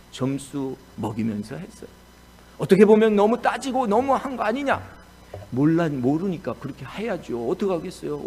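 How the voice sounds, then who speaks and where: A man preaching a sermon as the pastor, telling the story in an animated way. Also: high voice, a little hiss or hum.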